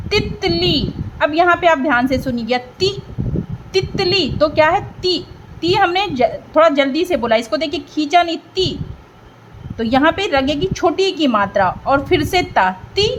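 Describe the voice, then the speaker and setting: High-voiced woman teaching Hindi spelling. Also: slight background noise. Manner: slow and clear, stretching sounds to teach them. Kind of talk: children's writing lesson.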